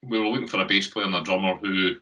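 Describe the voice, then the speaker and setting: Over a remote call with a distant mic, a lead singer from Scotland talks casually as an interview guest, laughing a lot and saying um to fill pauses. He speaks fast in a deep, bright, forceful voice with a Scottish accent.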